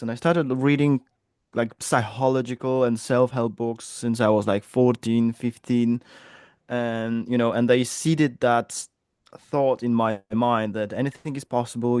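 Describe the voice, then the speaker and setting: A Polish business coach in his thirties, speaking with a Polish accent, chats as a guest in a casual interview from his home office in London. He's upbeat and talkative, with plenty of fillers. His medium-pitched voice is a little mellow, clear and resonant, captured in a dry, clean studio sound.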